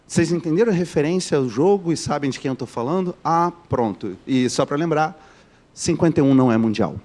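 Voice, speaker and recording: A man's voice: fairly high pitch, animated, brisk, a little mellow. A man from Rio de Janeiro with a Carioca accent, teaching a live online class, joking and quizzing his students as he goes. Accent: Carioca Brazilian Portuguese. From Rio de Janeiro, Brazil.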